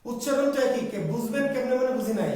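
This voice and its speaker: High-voiced male teacher in echoey room. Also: fast, darkish tone, recorded from a distance. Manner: asks questions and answers them himself. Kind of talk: classroom grammar lecture.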